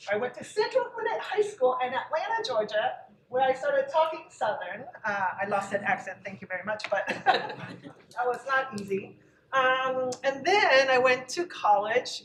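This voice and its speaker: A woman's voice: on the high side, a bit bright, slight background noise. A woman from Hong Kong and Macau, giving a casual talk to an audience, nervous and chatty with self-deprecating asides. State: nervous and over-caffeinated. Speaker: guest speaker. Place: lecture room. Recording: echoey hall, recorded from a distance.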